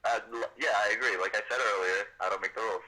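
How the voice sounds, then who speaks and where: A man's voice: fairly low pitch, steady tone, rapid-fire, sharp tone, low-quality recording. A man talking over a phone on speakerphone, a friend calling in with laid-back, dry joking. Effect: heard over a phone on speakerphone. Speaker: friend calling in to a live stream. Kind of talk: casual phone chat.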